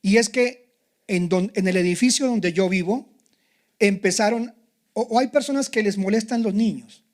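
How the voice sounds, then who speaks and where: A man's voice: high voice, normal speed. An older man, a pastor, preaching a sermon in an emphatic, confessional way.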